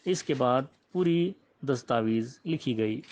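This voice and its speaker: A man's voice: mid-range voice, lively intonation, darkish tone. Man reading a religious biography. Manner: measured and reverent, with frequent honorifics. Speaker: religious history reader. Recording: slightly muffled, dull audio.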